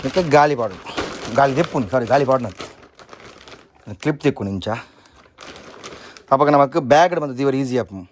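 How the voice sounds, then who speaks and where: A man chats casually about his riding gear, holding up each item and naming it as he packs. His voice sits at an ordinary middle pitch. A faint hiss runs under the recording. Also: expressive, moderate pace, pauses often. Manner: chatty, shows items one by one. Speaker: moto vlogger. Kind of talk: casual gear packing vlog. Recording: faint background noise.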